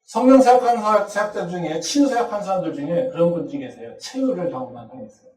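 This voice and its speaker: A high-pitched man preaches a sermon at a campus church. He acts out the voices he quotes and builds up to shouting. His voice is caught from a distance and rings through a roomy, echoing hall. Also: rapid-fire. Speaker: pastor.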